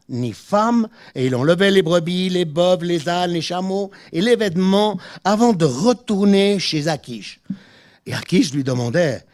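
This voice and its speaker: A man's voice: sits high, a little mellow. A man preaching a sermon in a church, a native Spanish speaker who reads scripture aloud with informal asides and restarts.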